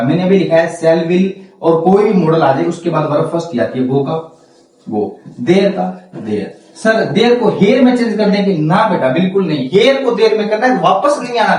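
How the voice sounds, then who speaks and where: A man's voice: high voice, a little mellow. A man with a Hindi accent teaching an English grammar lesson. He explains step by step, repeats each point and keeps quizzing his students, calling them "beta". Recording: echoey room, mic far off.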